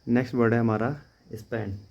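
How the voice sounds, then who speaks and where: A man teaches English verb forms in a steady, drilling way, spelling words out letter by letter. His voice is mellow and rather flat in pitch. The recording sounds dull and lo-fi. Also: fairly quick, creaky. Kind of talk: vocabulary lesson.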